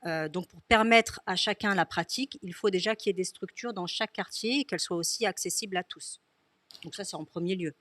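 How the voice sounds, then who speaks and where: A woman's voice: fairly low pitch, brisk, fairly bright tone, no room sound. A woman who is a municipal candidate, speaking in a hesitant way and often correcting herself. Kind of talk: political discussion.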